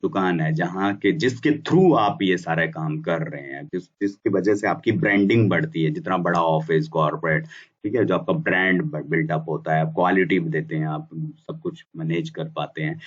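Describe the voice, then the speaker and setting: Man, low deep voice, casual explainer, restarts words, distant mic, muffled sound. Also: moderate pace, husky. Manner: explanatory, restarts words, mixes English terms. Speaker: instructor explaining bulk SMS business. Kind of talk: casual whiteboard lesson.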